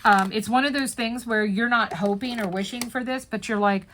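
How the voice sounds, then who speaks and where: A woman hosting a crafting chat channel, telling a story straight to her viewers in an expressive, chatty way. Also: fairly high pitch, normal speed, slight background noise. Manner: chatty and expressive, with swings in volume; speaks right to viewers.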